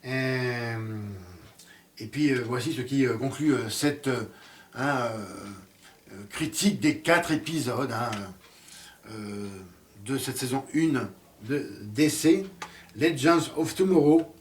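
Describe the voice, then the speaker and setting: A man's voice: medium pitch, takes it slowly, distant mic, a little hiss or hum. A man giving a casual spoken series review, hesitant and full of fillers and restarts.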